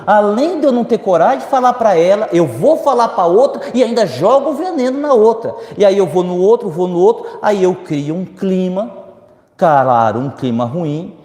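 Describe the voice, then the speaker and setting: The speaker is a man with a high voice and a Brazilian Portuguese accent, lecturing on spiritism at an ordinary pace. The hall's echo is clearly audible. He's lively, talks straight to the audience, answers their questions, and dramatizes quoted speech by acting out the voices.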